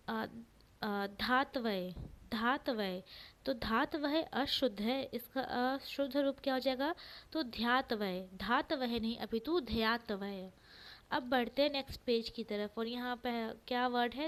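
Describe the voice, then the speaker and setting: Female tutor, high pitch, drilling style, repeats answers slowly for exam prep. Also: a bit bright, rough recording. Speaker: teacher. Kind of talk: exam-prep spelling lesson.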